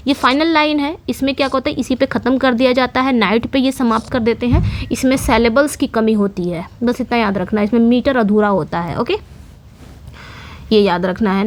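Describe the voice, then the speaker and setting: A woman teaching English literature terms in an online lecture, repeating key points and answering her own questions. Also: a little high. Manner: explanatory, repetitive, asks and answers own questions.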